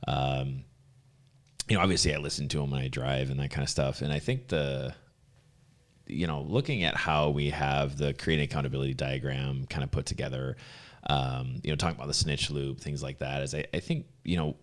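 A man's voice: very deep voice, a little fast. A man hosting a podcast in natural unscripted talk, explaining ideas in a conversational, rambling way with acted-out example remarks. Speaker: podcast host.

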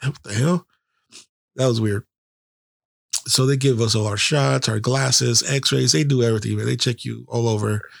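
Gravelly, raspy-voiced man telling stories. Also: medium pitch, fairly even intonation, moderate pace, no echo, clean studio sound. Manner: blunt and heavily profane; self-deprecating, with frequent restarts. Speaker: podcast host. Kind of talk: candid personal storytelling.

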